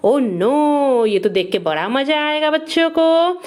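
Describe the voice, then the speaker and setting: A woman narrating toy play for children in an excited, exclaiming way, cheering the toys on. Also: high voice, slow pace.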